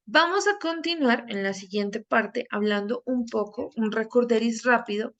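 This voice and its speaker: A woman's voice: on the high side, a bit bright. A young woman teaching an English grammar lesson, carefully repeating each word so learners catch its pronunciation.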